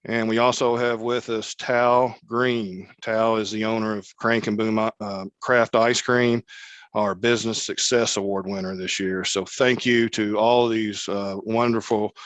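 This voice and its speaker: A man moderating a business panel, speaking in a measured way with frequent filler words. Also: on the low side, flat delivery, fairly bright tone, no room sound.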